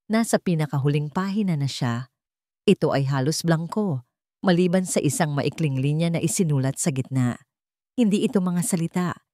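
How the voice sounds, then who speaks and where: A woman with a Filipino accent narrates a dramatic story, her voice on the low side for a woman and mellow in tone. She reads at a normal speed. The recording is dry and close, with no room sound or echo.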